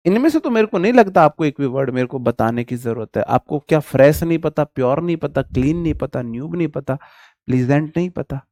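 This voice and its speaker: A man's voice: fairly high pitch, expressive, fairly quick, a little mellow, no echo, studio quality. A man teaching vocabulary in a live online lesson, chatty and joking, calling his viewers brother.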